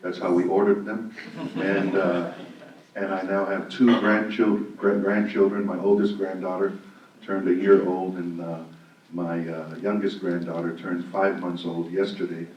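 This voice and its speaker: A middle-aged pastor with a very low, deep voice speaks lightly and jokes with the crowd. He is heard from a distance in an echoey hall, and the sound is dull. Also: level tone, a little slow, a little hiss or hum. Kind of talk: panel self-introduction. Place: event hall.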